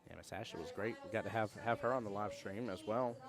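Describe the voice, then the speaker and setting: A man's voice: fairly low pitch, fast, creaky, background noise. A man commentating casually on a live pool stream, chatting with viewers in a folksy, friendly way. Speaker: livestream pool commentator and host. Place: indoor pool hall. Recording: small fan near the mic.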